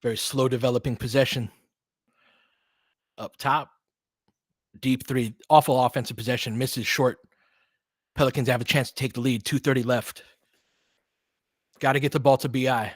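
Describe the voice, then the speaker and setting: A mid-pitched man calls a basketball game live as a partisan fan, informal and built from short clipped phrases, growing excitable on big plays. He speaks at normal speed with frequent pauses, and the sound is dry, with no room or echo around it.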